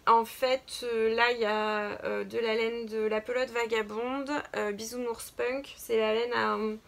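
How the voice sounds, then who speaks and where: A woman's voice: on the high side, little pitch movement, a little slow, gravelly. A woman co-hosting a casual knitting podcast, talking hesitantly with many fillers and restarts. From France. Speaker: podcast co-host. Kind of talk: casual chat about knitting.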